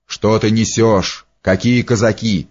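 A man plays an impulsive young prince, earnest and quick to command, in a low, unhurried voice. The sound is dull and lo-fi. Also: fairly even intonation, a little mellow. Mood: impatient. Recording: dull lo-fi recording.

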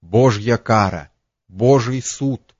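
A man's voice: mid-range voice, takes it slowly, a little mellow, no echo, highs cut off. A man voicing a frightened, anguished young princess with trembling outbursts.

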